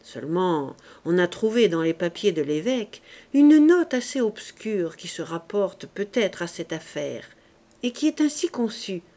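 Woman narrator for a classic novel audiobook, unhurried and expressive. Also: lowish voice.

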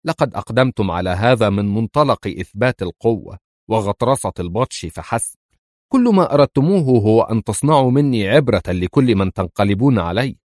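A man's voice: on the low side, sing-song, fast talker, a little mellow, no room sound, studio quality. A man playing a scornful, sarcastic rebel. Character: stern, sarcastic defiant man.

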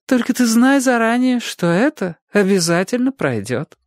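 A man doing a gentle kind schoolteacher woman. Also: very high-pitched, sing-song, normal speed, no room sound, clean studio sound, voice pushed up. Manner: soft, reassuring. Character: kind gentle female schoolteacher, middle-aged.

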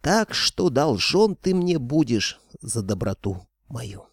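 A man voicing a fussy, bossy old grandfather who shouts and scolds in a shrill, strained voice. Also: big pitch swings, slow, husky, dry recording, heavily acted. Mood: ranting. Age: older. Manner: shouts and lectures in a high strained voice.

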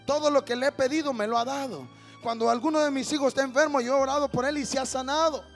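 A man with a Honduran accent preaching a fervent evangelical sermon, speaking straight to his congregation and building up to shouts. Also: very high voice, steady tone, fast talker, faint music behind.

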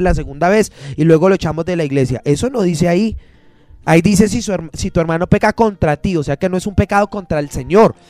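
High-voiced pastor preaching. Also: male voice, a little mellow, clear, resonant tone, no room sound. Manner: preaching with many pauses and restarts. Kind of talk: radio sermon.

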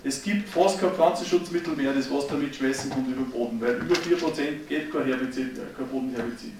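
A man's voice: mid-range voice, quick pace, noisy background. Austrian man lecturing in an echoey hall. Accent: Austrian German. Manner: emphatic, folksy, addresses audience directly. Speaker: agricultural speaker. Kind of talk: lecture to farmers. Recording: echoey hall, distant mic.

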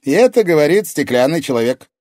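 A man's voice: fairly high pitch, sing-song, fast talker, no echo, clean studio sound, voice pushed up. A man voicing a cheeky teenage werewolf boy. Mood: cheerful teasing. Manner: bright, cheerful, teasing.

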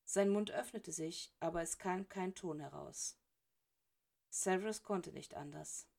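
A woman narrating a storybook audiobook in an even, steady reading voice. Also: fairly low pitch, a little slow, gravelly.

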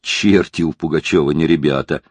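Male narrator voicing gruff clumsy young worker, low, husky, mutters a bit, storybook. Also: normal speed, a little mellow, dry recording. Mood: grumbling. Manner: gruff, grumbling.

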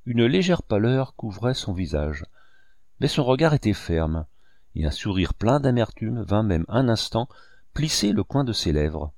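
Low-voiced man narrating a novel. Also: measured pace, no room sound, studio quality. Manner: steady, dramatic reading. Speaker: audiobook narrator. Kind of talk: scripted narration.

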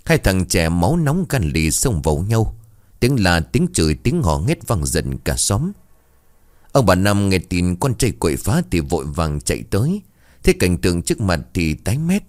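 Man, storyteller, deep voice, dry recording, expressive narration. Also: normal speed, no echo. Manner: expressive, dramatic reading.

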